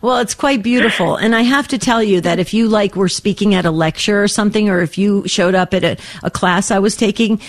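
A woman's voice: medium pitch, a little fast, few pauses. A woman hosting a call-in radio show, chatty and encouraging with guests and callers. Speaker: radio host.

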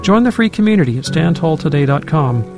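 A man's voice: expressive, a little fast, music in the background. Man reading an earnest radio ad. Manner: scripted, earnest pitch.

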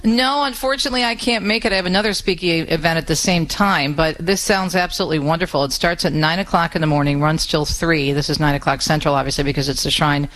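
A woman's voice: sits low, fast, hardly any pauses, a bit bright. A woman hosting a radio interview, encouraging her guest with friendly questions. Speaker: radio host.

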